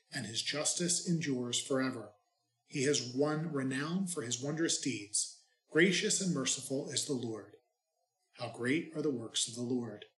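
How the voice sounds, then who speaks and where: Priest reading and preaching in a big church with a cathedral echo. Average male pitch, unhurried delivery with dry humor. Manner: plain, unhurried reading that turns to light, self-mocking storytelling. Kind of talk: scripture reading and homily. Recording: echoey church reverb.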